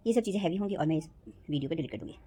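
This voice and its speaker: A woman's voice: low voice, animated, rapid-fire, dark tone, husky. A woman venting in a rambling casual monologue, repeating herself and correcting her words as she goes. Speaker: vlogger.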